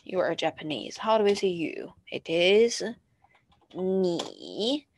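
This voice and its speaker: A woman teaching a beginner Chinese lesson, patiently repeating each word slowly as she explains. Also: lowish voice, big pitch swings, slight background noise. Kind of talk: slow screen-share language lesson.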